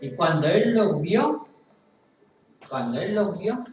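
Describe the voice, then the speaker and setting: A pastor with a Spain Spanish accent and a slightly high, a little mellow male voice preaches slowly but very animatedly in a church hall, repeating key phrases twice for earnest emphasis. Picked up from a distance, the audio is very echoey with faint background room noise.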